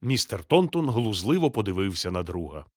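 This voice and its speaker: A man narrating a children's storybook in a steady, measured, gently expressive reading. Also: lowish voice, dry recording, studio quality.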